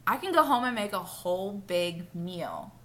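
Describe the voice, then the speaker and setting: A woman's voice: medium pitch, animated, moderate pace. A woman co-leading a mentor training, talking through slides in a plain, friendly way. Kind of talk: casual training talk.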